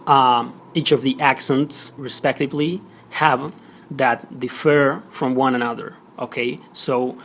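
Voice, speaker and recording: Creaky-voiced male teacher explaining. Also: medium pitch, fairly even intonation, measured pace, fairly bright tone, a little hiss or hum. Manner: explanatory, many fillers and check-ins like "okay?". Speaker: Spanish teacher. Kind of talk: recorded audio lesson.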